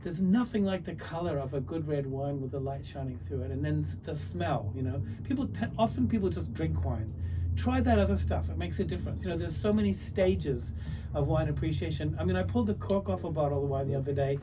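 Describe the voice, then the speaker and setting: A man's voice: fairly high pitch, expressive, a little fast. An older man who grew up in New Zealand, a guest winemaker chatting casually on a podcast, rambling through stories with many restarts. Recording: distant mic, noisy room.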